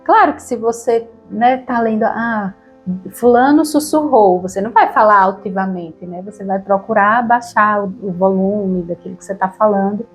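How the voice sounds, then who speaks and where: A woman with a Brazilian Portuguese accent co-hosting a relaxed conversation about reading aloud to children, often tagging her sentences with questions. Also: mid-range voice, moderate pace, few pauses, husky, soft background music. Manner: relaxed, chatty, frequent tag questions. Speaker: podcast co-host.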